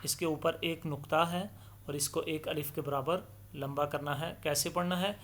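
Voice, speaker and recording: A man's voice: on the high side, steady tone, slight background noise. Patient male Quran teacher drawing out letters. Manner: draws out each letter sound slowly and loudly in demonstration; patient explanatory tone, mixes in English terms. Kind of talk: step-by-step letter pronunciation lesson.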